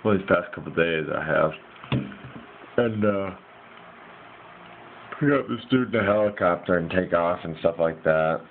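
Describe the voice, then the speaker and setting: A man's voice: sits low, measured pace, gravelly, long pauses. A man casually rambles through a dream he had, piecing it together in a hazy, puzzled way with informal, slangy wording. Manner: informal slangy speech with mild swearing. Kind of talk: casual rambling first-person dream recounting. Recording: muffled lo-fi mic with hiss.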